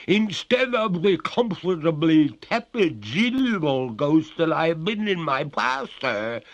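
Man voicing a high, drawn-out ghostly lady. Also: big pitch swings, muffled recording, heavily acted. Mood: threatening. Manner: formal, ornate, drawn-out speech. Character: female water ghost, a genteel, pleading, indignant lady spirit.

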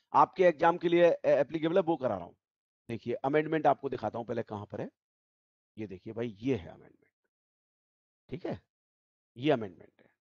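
A man's voice: fairly high pitch, dry recording, lo-fi sound. A male teacher giving an online tax class, explaining step by step and repeating the key points. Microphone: video call.

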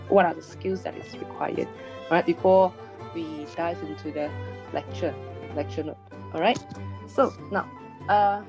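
A university lecturer with a lowish voice gives a chatty online class briefing, sounding slightly hoarse after a sore throat. She uses frequent fillers and keeps checking in with "all right." Captured on a video call webcam, the recording sounds dull and lo-fi.

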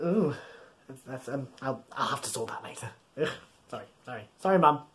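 Speaking at a medium pitch with a slightly bright, expressive tone, this thirty-something man tells bedtime stories to small children. He reads playfully and encouragingly, hamming it up, and stops to ask his listeners questions. The recording comes from a small room at home crowded with soft toys.

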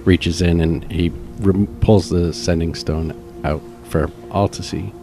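A man's voice: low-pitched, steady tone, measured pace, mellow, soft background music. A man playing a character in a tabletop game, describing actions in a casual, playful way. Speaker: player.

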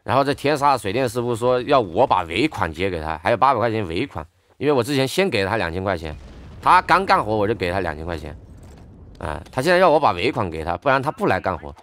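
A man's voice: lowish voice, big pitch swings, fast, a bit bright, no room sound. A man gaming online and telling an angry story in a heated, indignant ranting manner. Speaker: game streamer. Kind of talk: ranting story over gameplay.

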